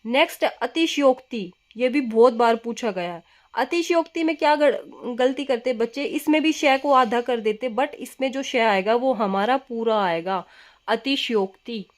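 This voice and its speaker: A young adult woman teaching Hindi spelling for exams. She says each word slowly and keeps asking the class what it is. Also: on the high side. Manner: repetitive teacher's questions, keeps asking "क्या है?"; drills words slowly, stressing correct spelling. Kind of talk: exam coaching lesson.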